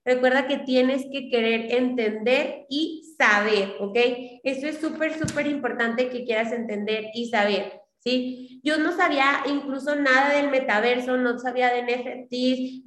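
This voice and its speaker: A woman's voice: sits high, a bit bright, reverberant. A young adult woman giving a motivational business talk on a video call, coaching and repeating her points with frequent checks for agreement. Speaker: business team leader.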